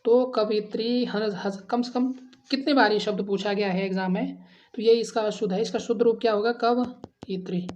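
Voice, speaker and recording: A woman's voice: medium pitch, steady tone, a little fast, a little mellow. A woman teacher going through exam grammar questions, reading options aloud and asking her students for the answer before giving it, in dull lo-fi audio. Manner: addresses students as friends, asks and answers quiz questions; drills answers, repeating option letters. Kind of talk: Hindi grammar exam lesson.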